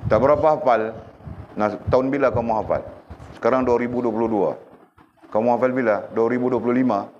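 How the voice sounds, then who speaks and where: A man's voice: medium pitch, steady tone, brisk, a little mellow, muffled recording, slight background noise. A man teaching a religious lesson, sternly prodding his students to recite. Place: classroom.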